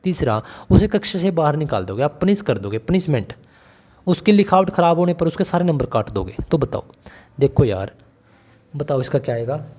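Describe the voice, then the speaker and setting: A man teaches an online exam-prep lesson in a casual, conversational style, often calling the viewer brother and putting questions to them. His voice is on the high side and a little mellow, with big pitch swings at a normal speed.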